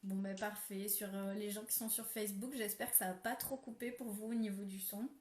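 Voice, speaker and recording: A woman speaks gently as she hosts a live-streamed spiritual ritual. She reads out viewer comments in a relaxed way, with frequent fillers. Her mid-pitched voice sits in a roomy, echoing space. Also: a little fast. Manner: soft, gentle guidance with many fillers. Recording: roomy echo.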